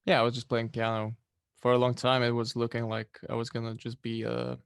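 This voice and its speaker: A young Polish musician, appearing as a guest, answers interview questions in a relaxed, meandering way full of fillers. His mid-range voice is brisk and smooth, recorded with studio quality and no room sound.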